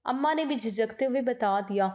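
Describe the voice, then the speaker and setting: A woman's voice: fairly high pitch, darkish tone. A woman telling an emotional first-person story in an earnest, scripted reading.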